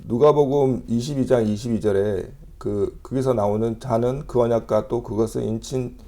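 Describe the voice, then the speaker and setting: A man preaching a sermon as pastor, reading scripture aloud and explaining it in a measured way with frequent pauses. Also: medium pitch, steady tone, warm tone.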